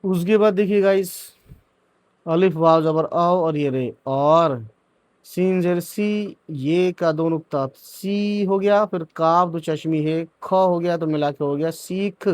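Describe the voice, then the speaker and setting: A man leads a beginners' reading lesson at a very slow, deliberate pace. His voice sits a little high for a man, and he spells each word sound by sound before blending it. The close recording is dry, with no room echo. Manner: spells words out syllable by syllable, then joins them; checks in with "theek hai" and "hai na". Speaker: Urdu reading teacher.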